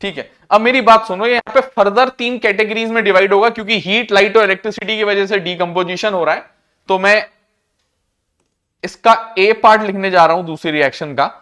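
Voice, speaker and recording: High-voiced male teacher dictating notes. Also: fairly even intonation, bright, forceful tone, clean tone. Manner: repeats key terms and asks the class to echo them; slows to a dictation pace for English definitions. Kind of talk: classroom lecture.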